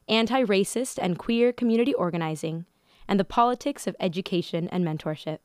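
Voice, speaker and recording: Smooth, dry-voiced woman podcast host. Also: medium pitch, no room sound. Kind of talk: scripted podcast introduction.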